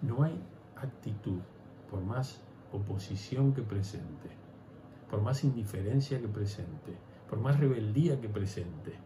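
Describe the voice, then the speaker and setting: Rioplatense pastor preaching in an echoey hall. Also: male voice, fairly low pitch, animated, measured pace, a little hiss or hum. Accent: Rioplatense Spanish. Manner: swings from hushed pleading to loud emphatic preaching. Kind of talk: sermon.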